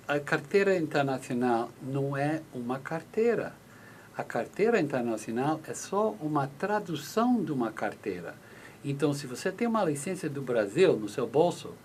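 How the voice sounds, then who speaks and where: Speaking from a radio studio in the US, a man who is a lawyer fields questions from callers, explaining with patience, playing out brief dialogues, and frequently starting over. His voice sits at medium pitch, and a faint hiss or hum is audible.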